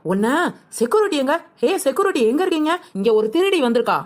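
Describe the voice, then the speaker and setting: A woman doing a fiery, fast-talking cartoon shopper. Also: high-pitched, very animated, darkish tone. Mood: indignant. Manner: indignant, rapid-fire retorts. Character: touchy young woman shopper, quick-tempered. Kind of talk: comedic cartoon voice acting.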